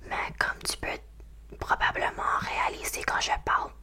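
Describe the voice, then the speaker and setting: A young woman from Canada, whose first language is English, whispers a slow ASMR ramble in an English Canadian accent and often pauses to find her words. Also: pushed and bright. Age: young adult. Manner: hesitant, pauses to search for French words. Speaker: ASMR creator.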